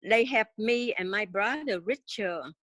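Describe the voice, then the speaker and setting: A woman's voice: mid-range voice, fairly bright tone, no echo. Vietnamese-accented woman in her seventies, dry. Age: 70s. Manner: halting, many filler sounds, simple grammar. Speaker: interview guest. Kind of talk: casual storytelling interview.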